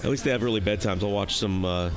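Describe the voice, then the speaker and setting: A man's voice: lowish voice, fast talker, a crowd in the background. A man working as a play-by-play announcer, mixing sports commentary with casual banter outdoors.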